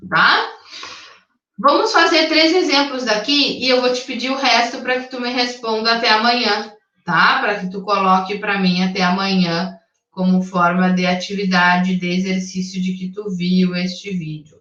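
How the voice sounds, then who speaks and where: A woman English teacher, patiently explaining a recorded lesson, checking in often and reading English sentences slowly and carefully. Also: mid-range voice, bright, forceful tone. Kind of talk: recorded online class explanation. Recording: dull, echoey sound from a distance.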